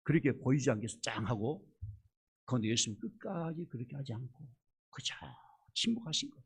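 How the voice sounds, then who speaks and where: A male pastor preaching a sermon with passion, firing rhetorical questions and moving between loud appeals and hushed asides. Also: medium pitch, sing-song, fairly quick, slightly rough.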